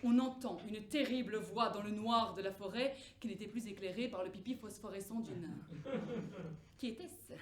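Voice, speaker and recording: A young woman drama student telling a crude fairy tale on stage in a playful, animated way, laughing often. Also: mid-range voice, moderate pace, echoey room. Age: young adult. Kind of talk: theatrical storytelling. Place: theater stage.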